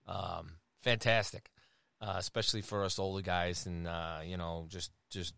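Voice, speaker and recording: Middle-aged guy cohosting a podcast, lowish voice, rambly and teasing, dry sound. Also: level tone, normal speed, creaky, pushed and bright, clear, resonant tone, no echo. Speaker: podcast co-host. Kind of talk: casual chat.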